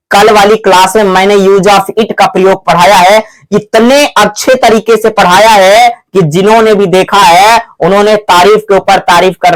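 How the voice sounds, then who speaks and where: In a classroom-style video lesson on English grammar, a man with a Hindi-speaking North Indian accent keeps posing questions to viewers and answering them himself, calling them his children. His voice sits high, and the recording is low quality.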